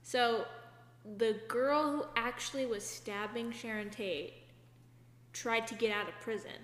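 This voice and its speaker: A woman's voice: a little high, a little slow, a bit bright. A young woman co-hosting a casual podcast, rambling through stories with lots of "like" fillers. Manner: chatty, many fillers, rambling retellings. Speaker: podcast co-host. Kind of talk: casual chat. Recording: echoey room with long reverb, faint hum.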